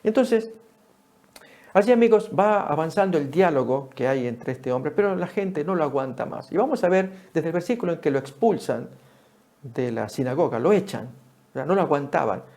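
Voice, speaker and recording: A male preacher with a gravelly, dark-toned voice delivers an animated Bible study sermon. He calls out to his listeners as friends and leaps up in pitch when he quotes a speaker. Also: moderate pace. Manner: animated, rises sharply for quoted speech, addresses listeners as friends.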